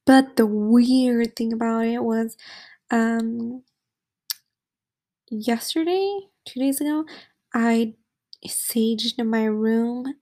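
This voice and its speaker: A woman's voice: fairly high pitch, very slow, long pauses, dark tone. A young woman hosting a podcast, telling a story casually and rambling, with constant "like" and filler words. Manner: rambling, heavy use of "like" and fillers. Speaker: podcast host.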